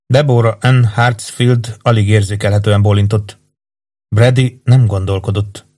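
A man reading a story aloud as an audiobook narrator, in calm, even storytelling. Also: lowish voice. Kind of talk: scripted narration.

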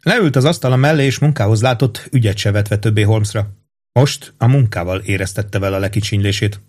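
A man narrating a novel as an audiobook, in a steady, even storytelling manner. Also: on the low side.

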